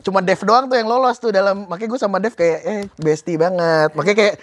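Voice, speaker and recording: A man's voice: high voice, brisk, dry recording, studio quality. A man, a guest talking candidly and rambling in informal slang, self-critical. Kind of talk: casual candid conversation.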